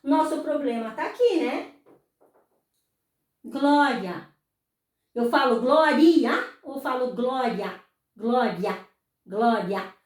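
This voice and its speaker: A high-voiced Brazilian woman teaching at an unhurried pace, stretching out words and repeating them. She asks questions and answers them herself. She is heard from well off the mic in a very echoey room. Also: animated, darkish tone, far from the mic. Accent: Brazilian Portuguese. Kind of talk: slow explanatory lesson.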